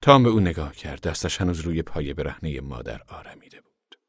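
A man narrating an audiobook in a measured, literary storytelling delivery. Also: rumbling low, animated, husky, no room sound, clean studio sound. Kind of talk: scripted narration.

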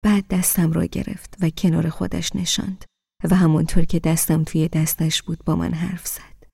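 Woman audiobook narrator, first-person novel, gravelly, dark voice, soft-spoken, dry close sound. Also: low voice, flat delivery, no room sound.

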